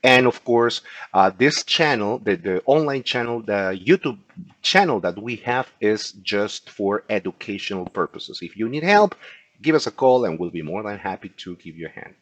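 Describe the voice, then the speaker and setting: In a casual explanatory video, a man from Peru who speaks Spanish natively and sells insurance gives a lesson, frequently ending lines with "okay?". His lowish voice is expressive and fairly bright, moving at a moderate pace, and the recording is dry.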